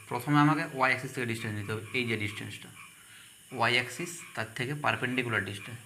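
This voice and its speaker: A man's voice: mid-range voice, bright, forceful tone, a little hiss or hum. A man teaching a math lesson, asking questions and answering them himself.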